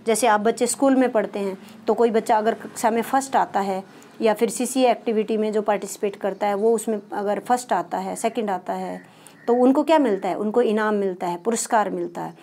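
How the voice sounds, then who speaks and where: Speaking a little fast in a mellow, medium-pitched voice, a woman teaches a primary school class. She is patient and explanatory, asking questions only to answer them herself.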